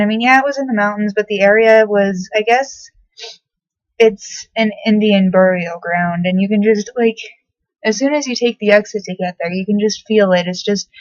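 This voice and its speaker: A young beauty vlogger with a medium-pitched voice casually talks through her skincare and makeup routine in her bedroom, rambling and swearing without a second thought. Her laptop's built-in mic makes the audio dull and dry, with no echo.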